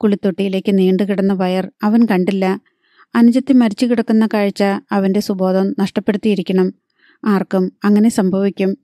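Woman, audiobook narrator, measured storytelling, mellow tone, dry close sound. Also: mid-range voice, fairly even intonation, dry recording. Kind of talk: scripted novel narration.

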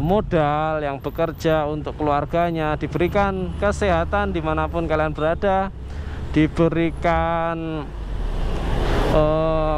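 A young man, chatting casually to viewers as he rides a motorcycle through heavy traffic. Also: fairly high pitch. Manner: chatty, addresses viewers warmly as friends. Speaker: motovlogger. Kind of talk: casual narration while riding. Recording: faint traffic noise behind.

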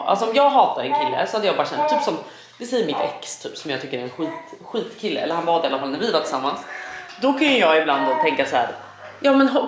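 A woman vlogging at home in a casual chat, animated and blunt, swearing freely and acting out little quoted asides. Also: fairly low pitch. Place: home, indoors. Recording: echoey room, faint background noise.

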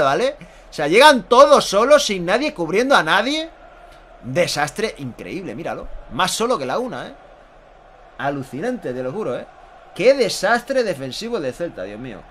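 A man with a high, forceful voice and an accent from Spain delivers live Spanish goal commentary. He is emphatic and repeats himself like an excitable fan, recorded at home with clear background noise. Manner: emphatic, repetitive, swearing and exclaiming. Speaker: football commentator. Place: small indoor room at home.

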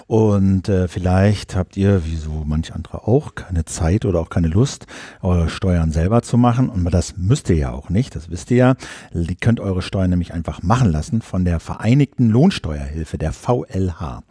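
Low, dark-voiced male podcast host. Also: normal speed, husky, dry recording, clean studio sound. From Germany. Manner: steady explanatory delivery with fillers. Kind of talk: political podcast chat and read ad.

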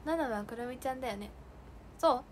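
A woman's voice: fairly high pitch, brisk, slight background noise. A young woman chatting casually with viewers on a solo livestream, bubbly and giggly, indoors while heavy rain falls outside. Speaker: idol livestream host. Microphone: phone or streaming mic.

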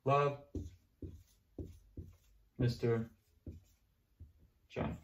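A young man teaches preschoolers online at a classroom whiteboard, speaking slowly in an encouraging, sing-song way. His voice is medium-pitched with a level tone, and the recording sounds muffled as he moves close to the camera and then away to write.

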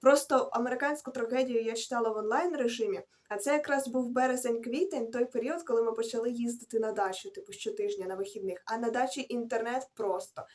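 A woman's voice: a little high, fairly even intonation, fast talker, few pauses, a little mellow. A young woman rambling casually through her book reviews in a vlog, correcting herself and adding slangy asides as she goes. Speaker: book vlogger.

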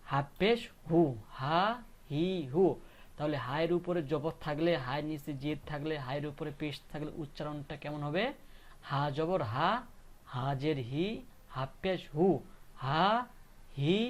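Slow, patient man drilling letter sounds. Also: fairly high pitch. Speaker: Quran reading teacher. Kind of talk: step-by-step recitation lesson.

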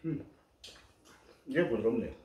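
A middle-aged mukbang vlogger eats at home and offers casual commentary in short remarks between bites. His mid-range voice is animated, measured in pace and dark in tone. He's indoors in a small room, picked up by a camera across the dining table, and the room is echoey with faint background noise.

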